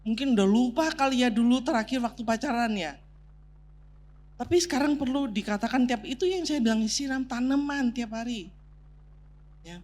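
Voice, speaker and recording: A woman's voice: fairly high pitch, moderate pace, long pauses, a little mellow. A woman preaching a sermon on marriage as a counselor, teaching point by point, sprinkling in English terms and drawing the congregation in. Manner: prompts the congregation to take part, laughs along. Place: church sanctuary.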